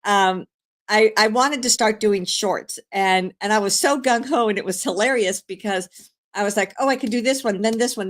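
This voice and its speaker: Hoarse with a cold, a grandmother hosts a live stream, chatting casually and rambling along in her mid-range voice. Her talk is full of fillers and restarts, as befits an older woman speaking off the cuff.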